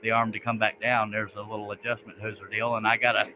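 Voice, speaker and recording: A Texan man hosts a live stream in a folksy, casual chat, tossing in the word "dang." His lowish voice keeps a level tone and moves at a quick pace. The audio sounds tinny, like a phone line, with faint noise.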